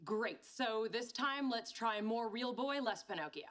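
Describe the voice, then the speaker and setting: A woman's voice: fairly high pitch, animated, measured pace, fairly bright tone. An actress playing a bossy, touchy girlfriend directing an amateur show in a sitcom, blunt and critical. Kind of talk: sitcom acting.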